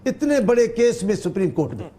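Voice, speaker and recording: Dark-toned male political guest. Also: high-pitched, sing-song. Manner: measured, emphatic, formal wording. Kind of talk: talk show debate.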